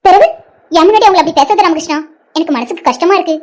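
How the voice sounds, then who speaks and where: A woman's voice: very high voice, quick pace, darkish tone. A woman voicing a heartbroken young cartoon woman. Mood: hurt. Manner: pleading, protective. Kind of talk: animated cartoon dialogue.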